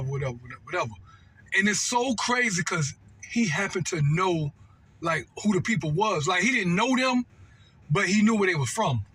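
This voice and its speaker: Slight background noise sits behind this American man's fairly high, fairly bright voice. As a storytelling vlogger, he casually relates a personal story off the cuff, slangy and repetitive, and keeps looking for agreement with "right?" and "know what I mean."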